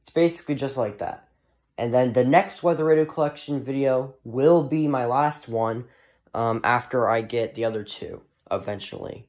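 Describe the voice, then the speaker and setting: Here a hobbyist shows his weather radio collection in a relaxed, off-the-cuff video. His voice sits in the middle range and sounds a little mellow, and he tends to hesitate, halt and ramble.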